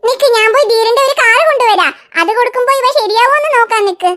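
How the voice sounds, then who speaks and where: A woman voicing a kindly, cheerful young aunt in a cartoon, bright and chuckling as she helps with a toddler. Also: extremely high pitch, fast talker. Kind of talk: cartoon dialogue.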